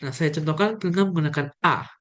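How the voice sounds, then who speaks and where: Young woman, slightly low voice; casual language teacher addressing viewers directly. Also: quick pace. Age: young adult. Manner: friendly, addresses viewers directly, demonstrates tones. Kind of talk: casual video lesson.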